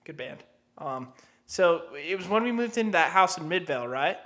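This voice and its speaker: Bright-voiced swearing podcast co-host man. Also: on the high side, normal speed. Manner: animated, swears freely, drops to muttering asides. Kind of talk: casual chat.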